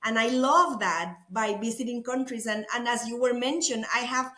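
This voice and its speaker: A middle-aged woman from Costa Rica, a food innovation executive, is a guest in a conversational interview, talking effusively and enthusiastically and repeating words. Her Costa Rican Spanish accent colors a slightly high, bright, forceful voice at a moderate pace. The room sounds roomy.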